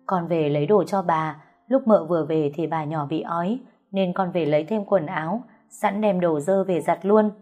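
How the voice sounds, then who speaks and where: A woman's voice: fairly low pitch, normal speed, darkish tone, faint music behind, close to an everyday voice. A woman voicing a frightened, chatty young housemaid, talking in breathless, fretful bursts.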